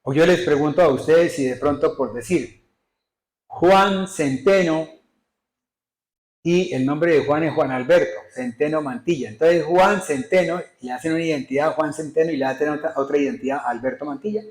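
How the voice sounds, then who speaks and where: A man's voice: on the high side, normal speed, darkish tone, reverberant, low-quality recording. A male pastor preaching a sermon emphatically, often putting rhetorical questions to his congregation. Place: church.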